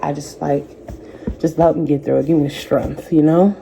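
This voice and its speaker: A woman in her thirties, a vlogger, speaking softly and reflectively to camera, offering faith-based encouragement. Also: low-pitched, steady tone, moderate pace, creaky, a little hiss or hum. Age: 30s. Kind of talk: personal talk to camera.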